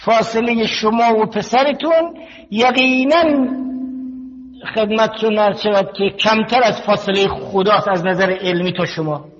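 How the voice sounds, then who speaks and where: An older male cleric giving a slow, measured religious sermon, teaching through stories and quotations. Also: high voice, fairly bright tone. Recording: dull lo-fi recording in a reverberant hall.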